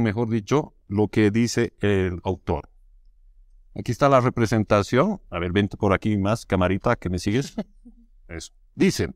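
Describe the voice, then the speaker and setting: A relaxed man co-hosts a casual show and reads passages aloud to his viewers. His voice sits in a middling range and is recorded close and dry, with no room sound. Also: mid-range voice, dry recording. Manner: relaxed, playful, addresses viewers directly. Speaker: co-host. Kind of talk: casual chat, reading from a book.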